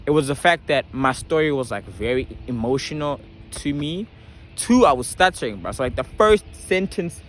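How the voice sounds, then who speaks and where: A man's voice: medium pitch, a bit bright, a little hiss or hum. Slangy young man who stutters. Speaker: vlogger. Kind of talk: casual storytelling to camera.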